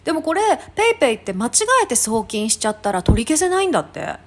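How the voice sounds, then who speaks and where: A woman's voice: on the high side, sing-song, fast. A woman in her thirties, hosting a casual talk show and telling a funny story with many fillers and laughs. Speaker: podcast host. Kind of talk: casual chat.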